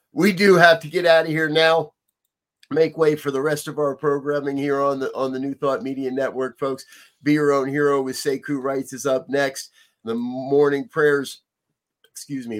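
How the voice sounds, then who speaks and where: Brief: male talk show host, earnest, chatty, laughs easily. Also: medium pitch. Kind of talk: casual chat on current events.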